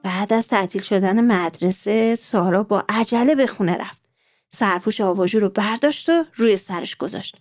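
Here a woman of medium pitch reads a children's tale, pausing to ask the little ones friendly questions in a warm, direct way. The studio-quality audio has no echo, though faint music plays behind her.

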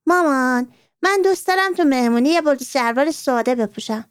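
A woman storyteller voicing a lively young schoolgirl who wants to keep up with fashion, speaking in an excited, pleading way. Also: high voice, dry recording, clean studio sound, voice pushed up. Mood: earnest.

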